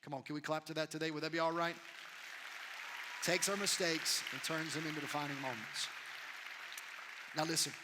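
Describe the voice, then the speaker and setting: A man pastor preaching a sermon in an animated, conversational way, with sudden loud bursts. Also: on the high side, moderate pace, pauses often, long reverb tail, a loud crowd, very noisy.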